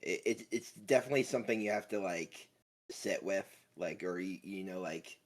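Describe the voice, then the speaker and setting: A man on a voice call, talking casually and hesitantly, filling pauses with "like" and "you know.". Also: low voice. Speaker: caller.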